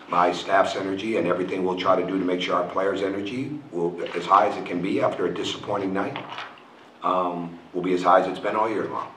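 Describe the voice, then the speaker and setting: Low-voiced coach at a press conference. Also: male voice, a bit bright, slight background noise. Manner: frank, repetitive, restarts phrases. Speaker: college basketball coach. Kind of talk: post-game press conference answers. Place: press room in front of a logo backdrop. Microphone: table mic on a stand. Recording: roomy, picked up from a distance.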